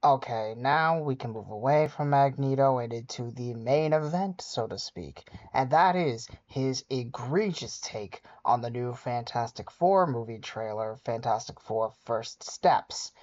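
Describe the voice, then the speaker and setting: A man's voice: medium pitch, a little slow, few pauses, a little mellow, dry recording, highs cut off. Sarcastic man doing reaction commentary. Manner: sarcastic, scolding. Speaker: commentary YouTuber.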